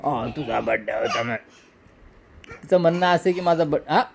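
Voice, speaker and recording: A man in his thirties, a father and vlog host, gently and playfully questioning his small daughter in a casual home video. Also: on the high side, lively intonation, normal speed, gravelly, noisy background.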